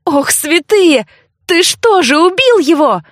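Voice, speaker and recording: A woman voicing a frightened young heroine, her own voice pitched higher and pleading. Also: sing-song, measured pace, no echo, clean studio sound. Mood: alarmed, pleading.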